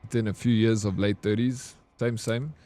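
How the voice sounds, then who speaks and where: A man's voice: on the low side, steady tone, normal speed, warm tone. A man in his forties chatting casually with his live-stream chat, joking and answering comments. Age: 40s. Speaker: game streamer.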